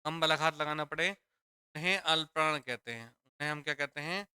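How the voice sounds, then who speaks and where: A man's voice: a little high, fairly quick, pushed and bright, clean tone, dry recording. A man teaching a grammar lesson, repeating each point and quizzing his students with questions, calling them children. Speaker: Hindi teacher.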